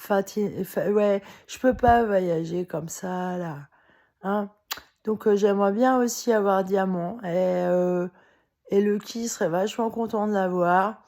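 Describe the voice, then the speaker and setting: A woman's voice: mid-range voice, a little slow, a little mellow. A very tired woman talking in a casual monologue, rambling and heated, full of fillers, swearing and short laughs. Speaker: vlogger. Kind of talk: casual spoken monologue to camera.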